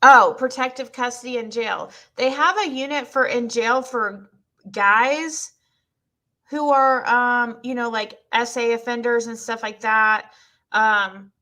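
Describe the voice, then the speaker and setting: A woman streamer with a squeaky voice chatting bluntly and rambling with her viewers, recorded on a cheap mic. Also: fairly bright tone. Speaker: streamer reading chat. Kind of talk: casual live-stream commentary. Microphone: cheap twelve-dollar mic.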